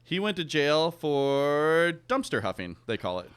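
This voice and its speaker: A man's voice: a little high, sing-song, unhurried, clear, resonant tone. A man co-hosting a podcast, rambling and swearing freely in casual chat. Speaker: podcast co-host.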